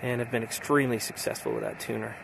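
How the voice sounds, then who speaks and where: Outdoor noise surrounds a middle-aged American man as he vlogs in hilly backcountry as an amateur radio operator, casually and enthusiastically summarizing. He talks fast in a gravelly, medium-pitched voice with little pitch movement.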